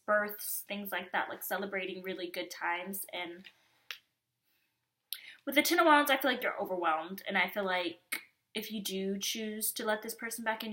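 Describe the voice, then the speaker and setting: Young woman tarot reader, chatty, casual, bright voice. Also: medium pitch. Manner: chatty, conversational, frequent "you know what I mean".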